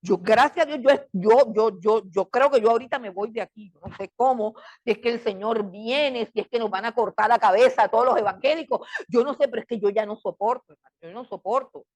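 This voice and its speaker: A woman's voice: on the high side, darkish tone. Fiery, scolding woman preacher. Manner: scolding, emphatic, with rapid-fire repetitions and rhetorical questions. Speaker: Bible school teacher. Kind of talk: impassioned preaching-style Bible class.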